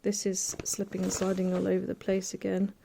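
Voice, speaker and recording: A woman giving a casual hands-on sewing demonstration, chatty and thinking aloud as she pins fabric, with soft asides. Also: mid-range voice, monotone, a little fast, gravelly, noisy background. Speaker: quilting tutor.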